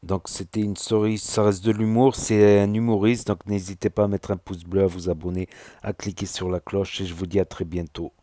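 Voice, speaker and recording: A man's voice: low-pitched, level tone, normal speed, mellow, no echo. A man giving casual commentary as the host of a YouTube video.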